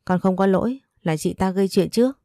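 A woman voicing a pregnant young wife who answers calmly, firmly and respectfully, in a storybook reading. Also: mid-range voice, brisk, no echo, studio quality, faint music behind, close to an everyday voice. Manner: calm, firm, respectful. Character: pregnant young second wife, firm but polite.

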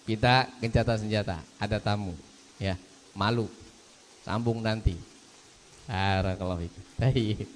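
A man's voice: fairly low pitch, fairly even intonation, a little slow, pauses often, slight background noise. A man teaching manners in a mosque study lecture, often repeating a blessing phrase and acting out little scenes. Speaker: ustadz teaching a book on manners. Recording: long hall reverb.

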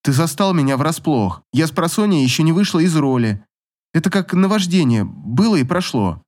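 Distraught young wife, high and tearful, pleading, read by a male narrator. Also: expressive, normal speed, a little mellow, lightly acted. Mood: defensive. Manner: pleading, sobbing.

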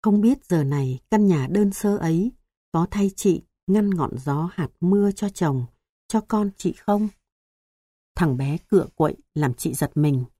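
A woman reading a story aloud as an audiobook narrator, with a slow, tender storytelling delivery on a close mic. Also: fairly low pitch, animated, warm tone, no echo.

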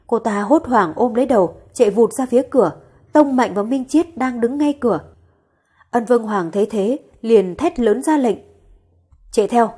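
A woman narrates a family melodrama with emotive, dramatic delivery. Her voice is husky and sits slightly high. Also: darkish tone.

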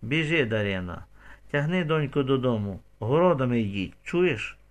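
A man reading the lines of an old village healer woman, who gives brisk, matter-of-fact instructions in an audiobook. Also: mid-range voice, lively intonation, natural voice. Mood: firm.

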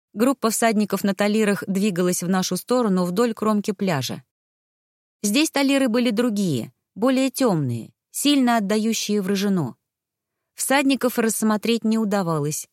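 A woman narrating a first-person fantasy audiobook, expressive and lively in the dialogue. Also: mid-range voice, no echo, studio quality.

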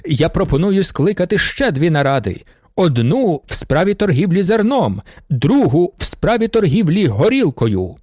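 A man's voice: a little high, sing-song, normal speed, darkish tone, no room sound, clean studio sound, voice pushed up. A man voicing a sentimental prince in an audiobook, making a grand, rousing speech to his guests. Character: overjoyed, sentimental older male prince, orator. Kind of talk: audiobook character voice.

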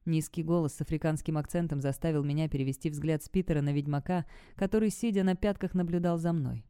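A woman narrating a first-person story in an audiobook, with a steady, tense storytelling delivery close to a studio mic. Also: deep voice, fast talker, clean tone, no echo.

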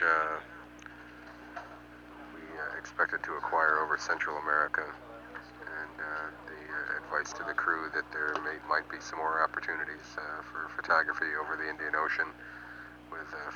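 Very deep, monotone man on noisy radio. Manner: measured, halting delivery with formal number readouts. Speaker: mission control public affairs commentator. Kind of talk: official spaceflight status commentary. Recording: muffled, humming, noisy space-mission radio feed.

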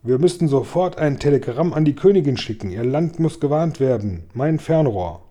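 A man's voice: medium pitch, lively intonation, moderate pace, mellow, close to an everyday voice. A man voicing a blustering, befuddled ship captain in a storybook read-aloud, exclaiming and stumbling over his words. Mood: excited.

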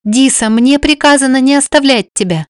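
A woman's voice: on the high side, lively intonation, normal speed, no echo, clean studio sound, lightly acted. Woman doing a worried young servant girl. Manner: worried, pleading. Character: young female servant girl, anxious and caring.

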